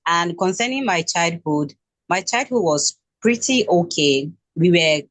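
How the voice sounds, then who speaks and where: Appearing as a guest in a casual interview, this Nigerian woman in her twenties has a lowish, animated voice at a measured pace, recorded with no room sound. She hesitates a lot, frequently restarting and filling gaps.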